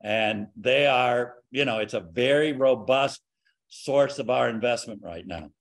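A man in his sixties, a keynote speaker on a video call from a home office, explaining in a measured way that trails off at the ends of sentences. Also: medium pitch. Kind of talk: academic panel discussion. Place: home office with window view.

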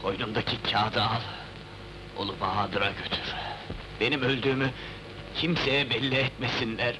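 An actor playing a solemn, noble rebel speaking gravely to his comrades in an old Turkish historical film. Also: medium pitch, fairly even intonation, moderate pace, lightly acted. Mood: weary, grave. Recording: noisy old film soundtrack.

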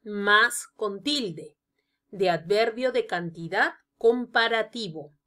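A woman narrating a scripted grammar lesson, explaining each example slowly and deliberately. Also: medium pitch, a bit bright. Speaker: teacher.

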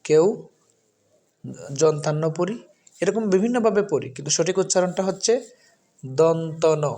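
A man, who comes from Bangladesh, teaching a lesson. He talks slowly and repeats each sound with careful stress. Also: fairly high pitch, a little mellow. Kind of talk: spoken lesson.

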